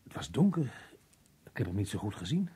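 An actor playing a muddled, evasive working man in an old radio drama, halting and puzzled, with a rough, husky voice. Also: on the low side, big pitch swings, warm tone, full character voice. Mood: rambling, confused. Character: muddled, evasive working-class man, slow to grasp questions.

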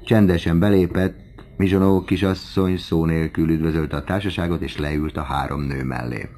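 A man reading a classic novel aloud as an audiobook narrator. His voice sits very low and deep. The delivery is measured and even throughout. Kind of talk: scripted literary narration.

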